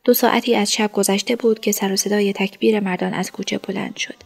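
A woman narrating a first-person audiobook story in a soft, hushed manner. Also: mid-range voice, fairly even intonation, vocal fry.

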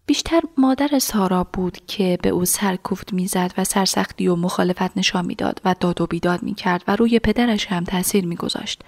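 Woman narrator, soft half-whispered story reading, creaky voice, dry sound. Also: lowish voice, few pauses, no echo.

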